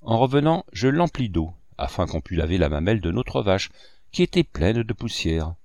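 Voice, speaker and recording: A man reading a classic novel aloud with animated storytelling. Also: lowish voice, moderate pace, no room sound, studio quality. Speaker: audiobook reader.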